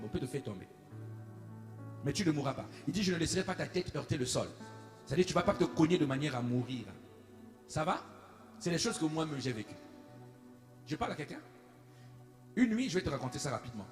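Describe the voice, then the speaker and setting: A man preaching a sermon as a pastor, telling a story, swinging between hushed asides and shouted declarations. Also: fairly high pitch. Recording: echoey room with faint music.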